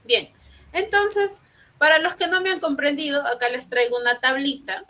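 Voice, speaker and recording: Brief: woman teacher, online class, patient, slow drilling, fairly high bright voice. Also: rough recording. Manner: patient, repeats and checks understanding; drills pronunciation slowly. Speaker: English teacher.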